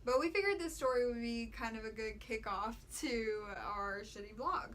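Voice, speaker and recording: A young American woman chatting casually as a vlogger, telling a story in an animated, slangy way and quoting the dialogue. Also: on the high side, normal speed, over loud music. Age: young adult. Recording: clear background noise.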